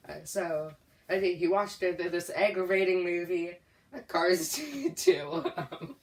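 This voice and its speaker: A woman co-hosting a casual storytelling game, hesitant and halting, with many uhs and restarts. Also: fairly low pitch, vocal fry, roomy sound, recorded from a distance. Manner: hesitant, full of uhs and restarts, laughs easily. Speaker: co-host.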